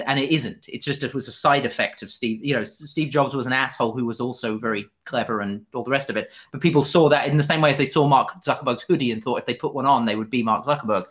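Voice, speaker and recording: A man's voice: medium pitch, a bit bright. A man from Fife in Scotland with a British accent, answering as an interview guest in an earnest, candid, conversational way and often repeating words as he goes. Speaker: interview guest, journalist and author.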